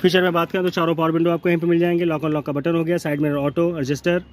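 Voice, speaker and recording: Rapid-fire and flat, a man with a North Indian accent and a voice on the high side runs through used cars in a sales walkaround. He rattles off details in short, matter-of-fact phrases while moving beside and inside the cars at an outdoor lot, with noisy street sounds behind him.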